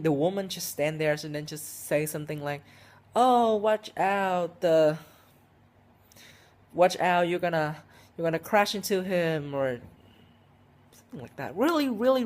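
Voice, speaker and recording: A man's voice: a little high, a little mellow. A sixteen-year-old boy tells a casual vlog story, rambling and restarting, with lots of "like" and "um". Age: teenager, 16. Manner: rambling, heavy with "like" and "um", frequent restarts. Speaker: vlogger.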